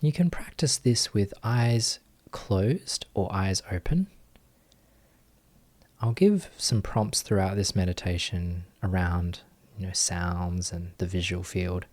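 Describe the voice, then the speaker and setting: Leading a guided meditation, this male teacher talks in a soft, gentle way, with brief phrases and lengthy silences between them. His voice sits low.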